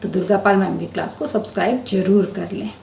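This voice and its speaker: A woman's voice: medium pitch, steady tone, a little fast, vocal fry, darkish tone, echoey room, slight background noise. A woman teacher patiently explaining a school Hindi lesson to children, step by step. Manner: addresses students affectionately as beta.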